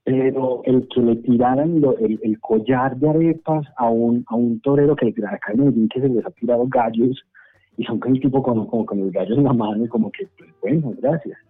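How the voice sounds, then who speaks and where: A man's voice: medium pitch, a little fast. A Colombian man with a Colombian Spanish accent, chatting and joking as a panelist on a radio discussion. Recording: dry phone-like radio line.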